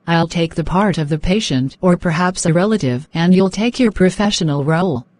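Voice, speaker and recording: A woman's voice: on the low side, normal speed, a little mellow. A woman working as a speaking test examiner, reading out scripted questions and instructions in a polite, formal way.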